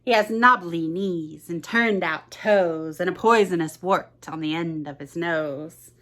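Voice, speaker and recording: A woman voicing a small, clever mouse in a picture book read aloud, speaking politely in a squeaky voice. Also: unhurried, fairly bright tone.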